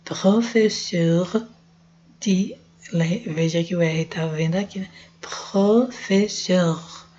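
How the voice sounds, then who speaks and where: A woman's voice: lowish voice, steady tone, normal speed, mellow, husky, lo-fi sound. A woman with a Brazilian Portuguese accent giving a casual French lesson, spelling out letters and sounds. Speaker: language teacher.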